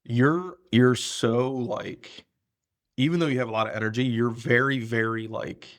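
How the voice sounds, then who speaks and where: A young man hosting a casual podcast. He tells old school stories with lots of energy, swearing freely and breaking into laughter. His voice sits at an ordinary male pitch. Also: unhurried. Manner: animated storytelling, swears a lot, laughs often. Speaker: podcast host. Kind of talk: casual chat.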